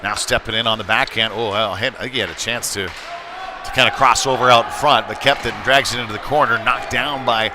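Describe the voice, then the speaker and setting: Clear rink noise sits behind this live stream broadcast from an ice rink, where a man calls youth hockey play-by-play a little fast in a mid-range voice. His style is casual and folksy, with a slight hesitancy.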